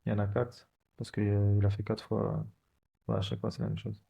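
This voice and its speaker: A man's voice: lowish voice, little pitch movement, a little fast, gravelly, warm tone, slightly rough. A man, casually thinking aloud as he walks through code, with many fillers and restarts. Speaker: coding channel host. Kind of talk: casual screen-recorded coding walkthrough.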